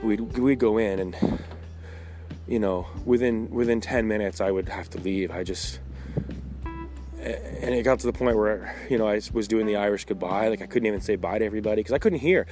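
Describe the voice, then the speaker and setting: Low-voiced man talking while walking. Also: brisk, music in the background. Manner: candid, rambling delivery with repeated false starts. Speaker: podcast host. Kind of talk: casual personal monologue. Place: outdoors in the woods, on a walk.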